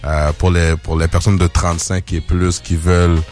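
Man in his forties, Québécois accent, deep voice, laid-back interview chat, faint music. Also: level tone, moderate pace, darkish tone. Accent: Québécois French. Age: 40s. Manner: laid-back, mixes in English slang. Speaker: rapper guest.

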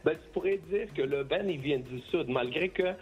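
A man's voice: fairly high pitch, moderate pace, breathy edge, phone-quality sound, faint music behind. A man who grew up in Costa Rica, a band member giving a casual radio interview, hesitant, with many restarts, moving between French and Spanish.

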